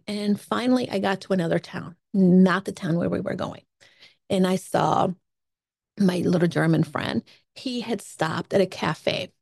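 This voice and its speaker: A woman hosts her own podcast and tells a personal story with plenty of life. She acts out her own thoughts in little quoted asides, at a middle pitch for a woman. The recording is close and dry. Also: darkish tone, no echo. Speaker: podcast host.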